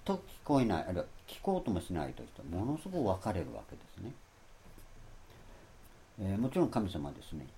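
A low-pitched man lecturing on scripture, his voice rising and falling widely as he stresses each point. He rambles and repeats himself, and he throws himself into the phrases he quotes, with a warm, mellow tone over faint background noise. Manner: emphatic, loudly acts out quoted phrases. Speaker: Bible teacher. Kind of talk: Bible lecture sermon.

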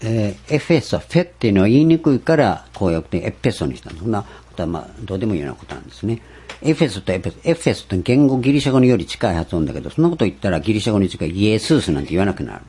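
A man preaching a sermon, stressing points with rhetorical questions and slowing down for scripture. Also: fairly low pitch, very animated, dark tone, slightly rough. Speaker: pastor.

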